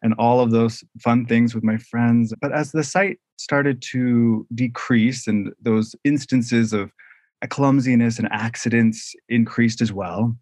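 A man's voice: mid-range voice, fairly even intonation, slow, a little mellow, no room sound, clean studio sound. A man from Canada in his thirties, a guest in an interview, talking in an upbeat, joking way and laughing often. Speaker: guest, visual artist. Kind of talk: conversational interview.

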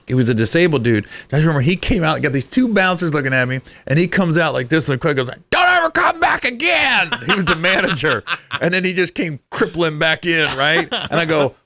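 A stand-up comedian in his forties recounts stories from his career in a relaxed conversation. He's animated, acts out different voices, and speaks at a fairly high pitch.

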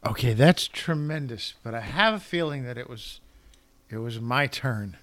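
A man co-hosting a casual film-awards podcast, talking in a bright, forceful voice. He rambles, loses track of what he was saying and corrects himself. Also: mid-range voice, animated, normal speed. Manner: rambling, loses his thread, self-corrects. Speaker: podcast co-host.

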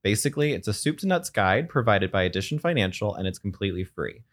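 A man's voice: fairly low pitch, very animated, quick pace. A man co-hosting a podcast in casual chat, playful and joking. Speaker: podcast co-host.

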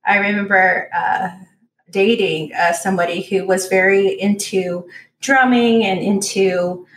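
Woman, forties, mid-pitched, halting reflective storyteller, roomy echo. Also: steady tone, a bit bright, a little hiss or hum. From Orange County, California. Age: 40s. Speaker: podcast co-host. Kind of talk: casual chat.

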